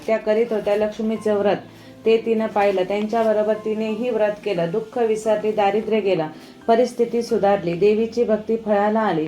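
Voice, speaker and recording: A woman narrating a devotional folk tale in a measured, recitative manner. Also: mid-range voice, mellow, a little hiss or hum. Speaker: storyteller. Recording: echoey room, faint music.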